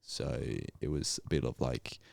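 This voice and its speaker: In a dry, clean studio recording, a young man from Colombia shares his story on a podcast, casual and reflective, leaning on fillers and speaking with a Colombian Spanish accent. His voice rumbles low and is gravelly yet a little mellow, delivered flatly at a measured pace.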